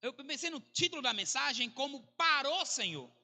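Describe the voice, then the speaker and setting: A male pastor, preaching a sermon in a conversational way, mixing jokes with sudden swings between soft and loud. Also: very high-pitched, lively intonation, moderate pace. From Brazil. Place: church hall. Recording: reverberant church hall.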